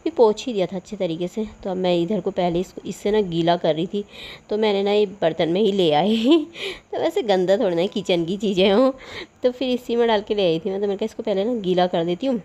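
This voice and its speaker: A woman's voice: mid-range voice, fast talker, mellow. A middle-aged woman vlogger, a mother, chatting casually in voice-over about her housework. She rambles, laughs often, and has a cold with a sore throat.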